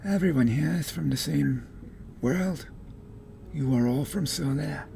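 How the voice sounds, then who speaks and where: A man voicing a measured, formal elf woman in a raised, softened voice. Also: on the high side, creaky, slight background noise, voice pushed up. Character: elf woman from another continent, measured and wary.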